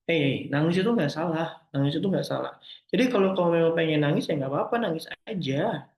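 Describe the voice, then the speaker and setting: A young man answering listener questions in a casual talk, gentle and reassuring, often forgetting terms and restarting. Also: on the high side, brisk, reverberant.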